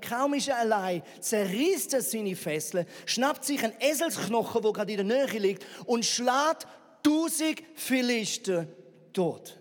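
A man, preaching a sermon as a lively, sarcastic Bible retelling full of rhetorical questions. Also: very high-pitched, a little slow. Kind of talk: sermon storytelling. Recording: reverberant hall.

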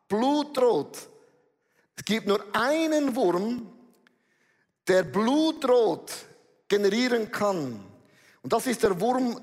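A man preaching a sermon to a congregation, emphatic and slangy, dropping in English phrases. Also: sits high. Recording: reverberant hall.

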